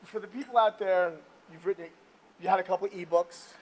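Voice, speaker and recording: Guy w high voice doing interview show while on treadmill, hype salesy motivational chat. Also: fast talker, poor audio. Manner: talking while exercising on a treadmill.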